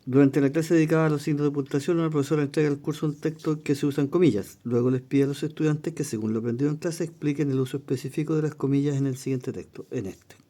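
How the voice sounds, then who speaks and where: A man teaching an exam-prep lesson, reading questions aloud and explaining them, often checking in with a quick question. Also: on the high side, steady tone, dark tone.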